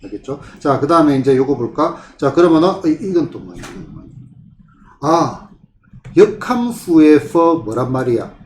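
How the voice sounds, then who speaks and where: Male math tutor, questioning classroom delivery, a touch high, echoey room. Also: very animated, moderate pace. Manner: questioning, with frequent rhetorical check-ins. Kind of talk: classroom problem walkthrough. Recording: echoey room with faint ambient noise.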